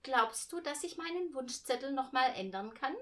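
An eager, tender-hearted little girl from a storybook, her voice lifted high and pleading, as a woman reads her part. She speaks with quick, earnest feeling. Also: animated, sharp tone.

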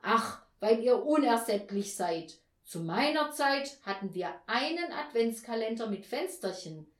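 A woman doing a blustering gruff father. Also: a little high, echoey room. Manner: blustering, loud and scolding. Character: gruff grumbling father, middle-aged man.

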